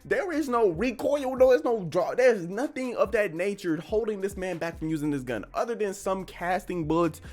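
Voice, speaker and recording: A man talking casually and excitedly, with frequent stammers and slang, calling the listener bro as he ranks his picks. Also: high voice, normal speed, few pauses. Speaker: anime commentator. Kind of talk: casual ranking commentary.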